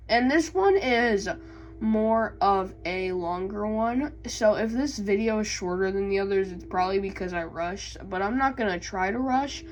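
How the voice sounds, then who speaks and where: Slow, gravelly young woman, hesitant. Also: mid-range voice. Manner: hesitant, many ums and restarts; reads lore slowly, then explains it in her own words. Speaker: gaming YouTuber. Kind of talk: casual vlog and lore reading.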